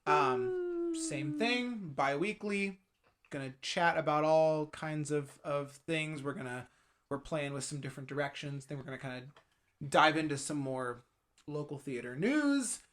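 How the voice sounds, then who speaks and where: A man's voice: on the high side, big pitch swings, unhurried, a bit bright. A man co-hosting a theater podcast in casual chat, rambling and laughing often. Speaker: podcast co-host.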